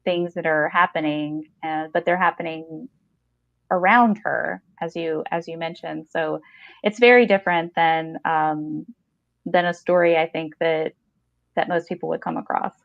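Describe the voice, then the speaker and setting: Here a woman in her thirties, reader and co-host of a short-story podcast, mixes readings with relaxed book talk over a video call at home in a small room. She sits low and steady, a little slow and creaky. The audio is dry and slightly dull, typical of a video call.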